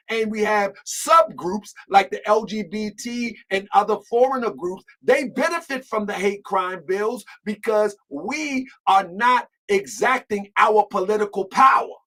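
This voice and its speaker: A man's voice: high voice, sharp tone, rough recording. Male host, fired-up solo commentary, hammers rhetorical questions, repeats himself when heated. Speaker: online show host. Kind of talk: impassioned commentary monologue.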